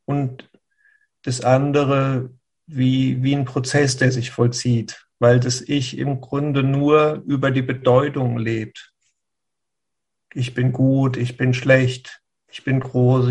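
Answering a listener's question, a spiritual teacher speaks slowly and seems to search for words, with pauses and false starts. His voice is medium in pitch with a darkish tone.

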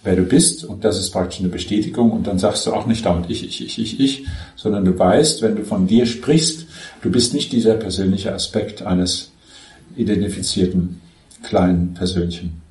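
Man, spiritual teacher, patient step-by-step explainer, lowish voice, echoey room. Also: normal speed, darkish tone. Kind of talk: spiritual dialogue on self-inquiry. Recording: roomy echo.

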